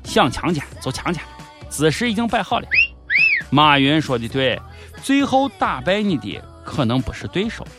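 A man's voice: fairly high pitch, sing-song, normal speed. A man with a Shaanxi accent delivering comedic scripted news commentary as a host, in a sardonic, mock-serious manner. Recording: background music under the voice. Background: music.

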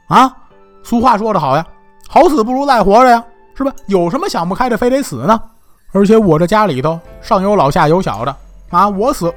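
A man's voice: sits high, voice pushed up. A male storyteller voicing a distraught, indignant man who scolds the people who cut him down from a noose. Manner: scolding, rambling, exasperated. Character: distraught man at a hanging tree, indignant and long-winded.

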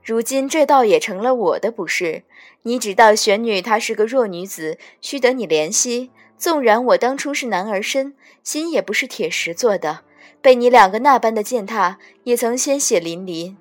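A woman's voice: on the high side, moderate pace, no echo, natural voice. Audiobook: a proud, scornful wounded goddess, read by a woman. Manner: sharp, scornful.

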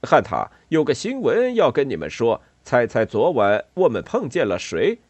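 A man reading a storybook voices a hearty male bat who talks loudly with news to share. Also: mid-range voice, wildly swooping pitch, moderate pace, no echo.

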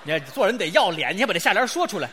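Male crosstalk comedian, wry foil, very lively pitch, slow couplet recitals, live hall echo. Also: slight background noise. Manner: wry straight man, teasing retorts, recites couplets slowly. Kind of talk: xiangsheng crosstalk performance.

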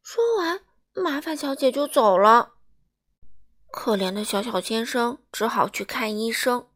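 A woman reading a children's picture book aloud in a lively, expressive, dramatic way. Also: a little high, unhurried. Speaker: storyteller for children.

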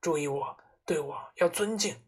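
A woman voicing a pompous, boastful middle-aged male car dealer who blusters and shouts indignantly. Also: low-pitched, normal speed, breathy edge. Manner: bragging, then indignant shouting.

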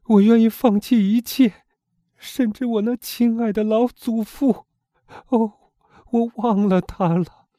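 Guy doing a pleading young woman, anguished and imploring, highish voice, mellow and kinda dark, dry close audiobook sound. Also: normal speed, no echo. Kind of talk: audiobook character reading.

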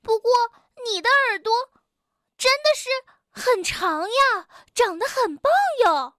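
A woman voicing Suqi, a pushy young female animal with a shrill, squeaky voice who chatters in rushed bursts. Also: expressive, bright, forceful tone, no echo, clean studio sound, exaggerated voice.

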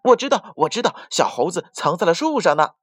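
A man voicing a chattering blabbermouth male myna bird in a children's bedtime story, talking fast and high and repeating himself. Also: no room sound, studio quality. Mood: eager chatter. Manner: rapid, high, repeats itself excitedly.

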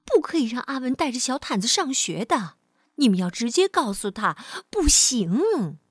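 A woman voicing a bossy, meddling neighbor auntie in a storybook, lecturing briskly. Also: on the high side, big pitch swings, husky, no echo, clean studio sound. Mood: stern.

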